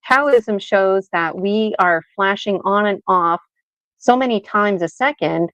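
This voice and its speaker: A woman's voice: medium pitch, takes it slowly, fairly bright tone, clear, resonant tone, no room sound, poor audio. A woman hosting a podcast over a video call, chatting in a rambling, self-amused way. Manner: chatty, rambling, laughing at herself. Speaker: podcast host. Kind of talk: casual chat on a live video podcast.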